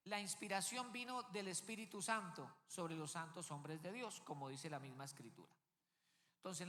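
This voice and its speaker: A man's voice: sits high, bright, forceful tone. A man preaching a sermon as pastor, emphatic, repeating key words and checking in with the congregation. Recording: long reverb of a large hall.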